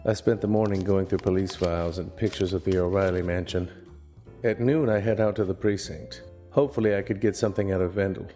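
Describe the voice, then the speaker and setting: A man narrating and voicing a private investigator in a noir audio drama, with a dry, deadpan wit. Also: low voice, fairly quick, over music.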